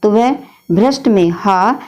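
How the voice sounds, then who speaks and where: A woman's voice: medium pitch, slow pace, a little mellow. A woman teacher explaining a grammar lesson patiently, often addressing her students as children. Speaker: Hindi teacher.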